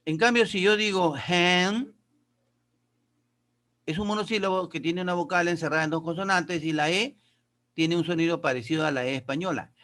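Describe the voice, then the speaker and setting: A male teacher with a slightly raised voice walks his pupils through grammar and pronunciation one step at a time. He reads English sentences aloud slowly and deliberately. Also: a little high, fairly bright tone. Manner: explains step by step, addresses pupils as kids. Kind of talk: classroom lesson.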